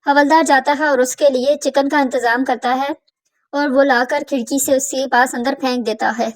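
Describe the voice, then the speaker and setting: A woman narrating a scripted cartoon horror story in a plain, steady telling. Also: high voice.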